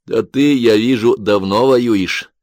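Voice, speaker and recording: A man reading a story and voicing a calm, grey-haired older soldier who speaks with steady, dry irony. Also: lowish voice, slow, no echo, pitched above the performer's own voice. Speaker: corporal in a war story. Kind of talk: audiobook character voice.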